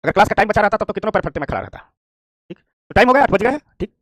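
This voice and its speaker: Fast, animated male economics teacher. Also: sits high, dry recording, clean studio sound. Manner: fast, lively, repeats "ठीक" and checks understanding; acts out complaining shopkeepers. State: tired from standing. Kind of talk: classroom lecture.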